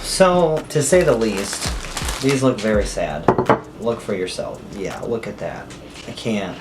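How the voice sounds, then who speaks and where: A man's voice: lowish voice, very animated, unhurried, loud music behind the voice. A man hosting a casual food review, talking informally to camera and often asking himself questions as he goes. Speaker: host of a food review video. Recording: clearly noisy home recording.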